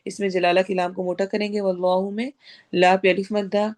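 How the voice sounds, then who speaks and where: A woman's voice: mid-range voice, level tone, darkish tone. Firm woman teaching recitation rules. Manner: breaks verses into syllables and explains each rule in turn.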